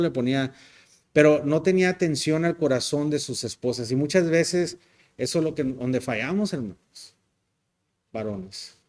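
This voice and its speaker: A man's voice: on the high side, a little mellow. A male pastor, preaching a sermon in a conversational, joking way. He often adds tag questions and slips in English words.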